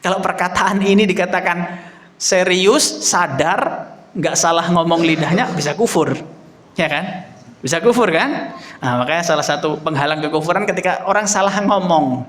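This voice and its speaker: A man's voice: high voice, normal speed. A young man preaching a casual sermon, telling stories animatedly and acting out the people in them. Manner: animated storytelling, acts out quoted voices, addresses audience as Pak.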